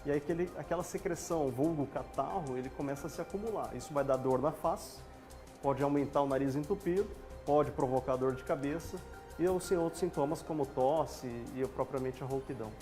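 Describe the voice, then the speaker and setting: On a TV health show, a male doctor with a Brazilian Portuguese accent calmly lays out medical points in everyday language from the studio. He speaks a little high and a little fast over soft background music.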